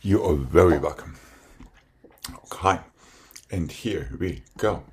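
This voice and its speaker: Deep-voiced male ballet teacher counting rhythmically over piano. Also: slow. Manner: rhythmic counting, phrasing steps in time. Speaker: ballet teacher leading class. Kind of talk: instructional counting and calling out exercises. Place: ballet class with piano accompaniment. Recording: piano music behind the voice.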